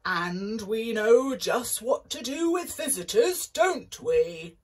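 Lady doing a slow booming giant guy, cheerful, kinda lonely. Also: expressive.

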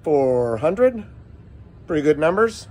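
A man's voice: fairly high pitch, big pitch swings, takes it slowly, darkish tone. A middle-aged man running a casual product demo vlog, rambling and folksy as he talks viewers through shot results. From United States. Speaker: shop owner demoing airguns.

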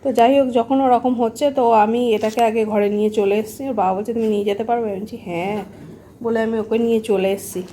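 A woman's voice: on the high side, fairly even intonation, fast, a little hiss or hum. Chatty woman filming a home pet vlog. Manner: chatty, keeps checking in with the viewer; coos softly to the pets. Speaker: pet vlogger. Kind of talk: casual home vlog chat. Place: home indoors.

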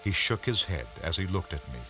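A man giving measured, scripted storybook narration for an educational game. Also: low-pitched, big pitch swings, sharp tone, faint music behind, full character voice.

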